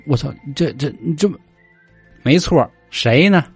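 Man playing a dopey young scholar, whiny and cussing, dry close mic, soft music behind. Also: on the high side, expressive, slow pace, breathy edge, no echo, full character voice. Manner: whiny, coarse, easily upset. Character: naive simple-minded young male scholar.

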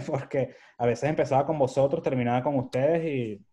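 A man with a Venezuelan accent talks through his experiences as a guest in a relaxed interview. His voice is mellow and sits at a middle pitch. He brings his anecdotes to life by acting out the dialogue. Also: normal speed. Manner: animated storyteller who acts out quoted dialogue. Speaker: guest photographer. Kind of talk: casual interview conversation.

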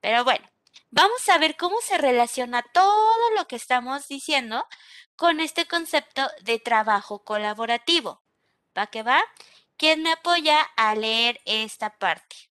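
A young adult woman with a Mexican accent teaching an online class in a lively, chatty way, often checking in with her listeners. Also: sits high, measured pace, dry recording.

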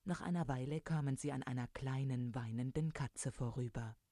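A woman narrating a fairy tale in a calm, storytelling manner. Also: extremely low pitch, normal speed, no room sound, clean studio sound. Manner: calm storytelling, voices characters.

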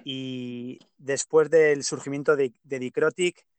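Slow, clear, and resonant, this steady mid-range male voice belongs to a podcast host from Pamplona, Spain, with no echo in the recording. He's holding a casual interview chat, hesitating often, using many fillers, and offering his opinions.

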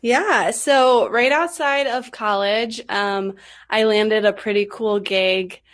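A woman's voice: medium pitch, slow. A woman in her thirties, a social media director, answering interview questions in a friendly, enthusiastic way. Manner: friendly, enthusiastic, bit giggly.

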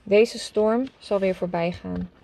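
A woman calmly reading a storybook aloud in a gentle, measured way. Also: mid-range voice, creaky. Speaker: storybook reader. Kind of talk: calm scripted narration.

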